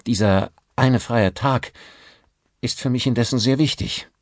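A man's voice: mid-range voice, unhurried, dry recording, clean studio sound, pitched above the performer's own voice, natural voice. A man voicing a submissive ventriloquist who apologizes and pleads in a humble tone. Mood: earnest. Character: meek, apologetic male ventriloquist.

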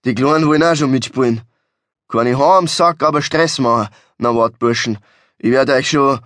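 A man voicing an irate, gruff middle-aged driver who barks insults, in an audiobook. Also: medium pitch, normal speed, a bit bright, no room sound, close to an everyday voice. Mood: furious shouting. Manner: gruff, swearing, barking insults. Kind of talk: audiobook character voice. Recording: dry studio recording.

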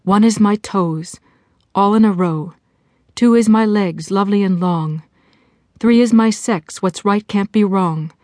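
A woman's voice: mid-range voice, measured pace, a little mellow, no room sound, clean studio sound, natural voice. A woman voicing a frightened, meek wife who speaks in a trembling, childish way. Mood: chanting.

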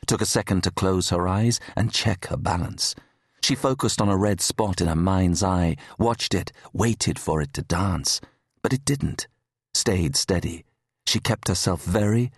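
A man reading an audiobook in measured, steady scripted narration on a close studio mic. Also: low voice, creaky, breathy edge, dry recording.

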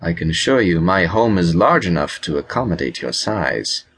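Courteous storybook wizard, rich and low, calm and scholarly, a man reading him. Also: normal speed, a little hiss or hum, exaggerated voice. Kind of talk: audiobook character reading.

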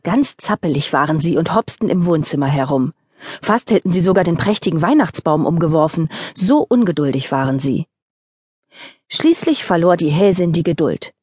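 A woman narrating a children's audiobook in a gentle, lively storytelling voice. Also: low-pitched, moderate pace, slightly rough, no room sound, studio quality.

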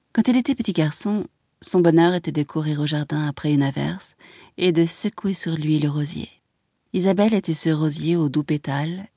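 A woman narrating a literary audiobook in a measured, expressive reading voice. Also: low voice, dry recording, clean studio sound.

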